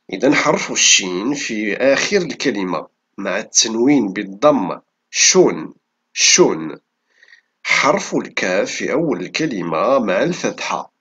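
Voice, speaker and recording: Slow, bright-voiced man dictating words. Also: medium pitch, breathy edge. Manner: dictating, repeating each item deliberately; instructional, enunciating syllable by syllable. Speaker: Arabic reading and spelling teacher. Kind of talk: dictating words and syllables in a spelling lesson.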